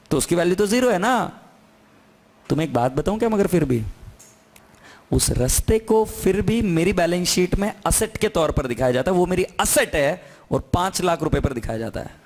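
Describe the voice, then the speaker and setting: Man, accounting teacher, high voice, lively classroom lecture, keeps quizzing students. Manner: lively, coaxing questions to students.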